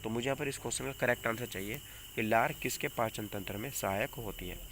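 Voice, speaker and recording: A man with a North Indian accent teaches an exam coaching lesson, repeating questions and answers for emphasis and posing rhetorical questions. His voice is medium-pitched and a bit bright, and he talks fast. There's noticeable background noise in the recording.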